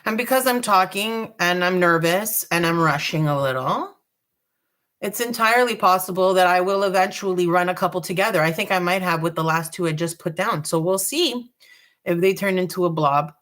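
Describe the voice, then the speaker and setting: A woman hosting a live dot painting tutorial, chatty and relaxed, joking about her own nerves. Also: on the low side, moderate pace. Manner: chatty, relaxed, self-deprecating. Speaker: craft tutorial host.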